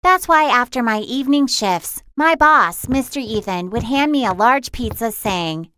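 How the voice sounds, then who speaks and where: A young woman tells her own story in the first person, in an earnest, confessional tone. Her voice sits a bit high, with a faint hiss behind it. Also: lively intonation, measured pace, bright, forceful tone. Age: young adult. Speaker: narrator.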